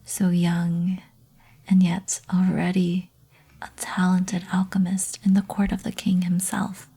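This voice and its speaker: Woman acting a young succubus, whispered role-play, very breathy, slow, intimate, teasing, possessive ASMR sweetheart. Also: lowish voice, monotone, full character voice. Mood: fond, reassuring. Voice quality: breathy, soft.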